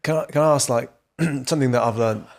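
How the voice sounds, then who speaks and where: A young man in casual podcast conversation, asking questions in a hesitant, halting way. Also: mid-range voice.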